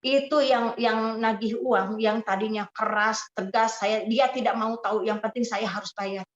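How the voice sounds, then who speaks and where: A woman's voice: a little high, steady tone, moderate pace. A woman giving an emotional personal testimony to a congregation, telling her story vividly and addressing listeners directly. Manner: storytelling, addressing listeners as brothers and sisters, acting out dialogue. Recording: roomy, slightly dull hall recording.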